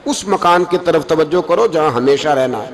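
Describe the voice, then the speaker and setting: A man preaching an impassioned sermon, exhorting his listeners and rising to loud, high calls. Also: expressive. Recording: sermon recorded with a crowd audible.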